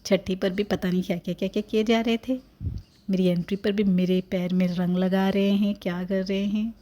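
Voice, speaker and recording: Sassy baby-girl narrator played by a woman, warm mid-pitched voice, playful and teasing. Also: flat delivery, normal speed, lightly acted. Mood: cheeky. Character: sassy newborn baby girl, cheeky and complaining. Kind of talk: voice-over narration of a family vlog.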